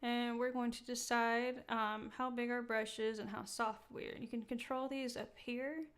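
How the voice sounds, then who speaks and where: A woman hosting a live-streamed software tutorial, talking casually with many fillers and laughing at her own slips. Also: fairly high pitch, level tone, unhurried. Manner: casual, chatty, many ums, laughs at herself. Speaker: software demo host. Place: indoor room.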